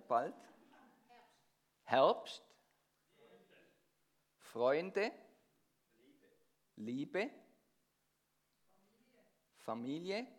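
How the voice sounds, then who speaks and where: A middle-aged man from Swabia, near Stuttgart, preaches with a Swabian accent softened by Swiss German dialect, his voice a little higher than most men's. Engaging throughout, he keeps turning to the congregation with questions and draws answers out of them.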